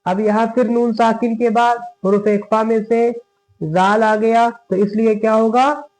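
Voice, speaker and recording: Male tajweed tutor, unhurried and repetitive, higher register. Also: steady tone, a little mellow, slight background noise, poor audio. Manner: patient, repeats points with frequent "theek hai". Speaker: Quran tajweed teacher. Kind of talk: slow spoken lesson with recitation examples.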